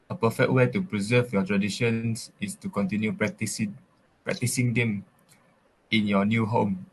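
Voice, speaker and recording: A man's voice: lowish voice, rough recording. A man answering interview questions by reading prepared, formal responses.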